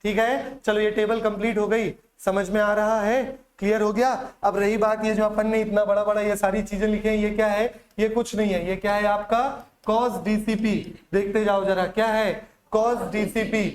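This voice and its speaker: A man's voice: high-pitched, level tone, moderate pace, few pauses. A male teacher lecturing a classroom in Hindi, quizzing students with repeated questions and memory tricks, with a Chhattisgarh accent. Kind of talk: classroom lecture with call-and-response drills.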